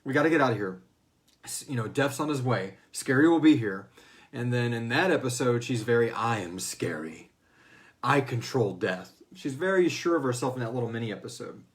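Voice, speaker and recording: An expressive, mid-range male voice moves briskly through a casual Q&A. The speaker writes and hosts a serialized audio fiction series, keeping things informal and dropping into bits of character dialogue as he goes.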